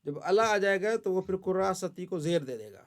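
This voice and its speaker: A man's voice: high voice, animated. A man teaching an online Arabic grammar class, patiently correcting students and praising them often.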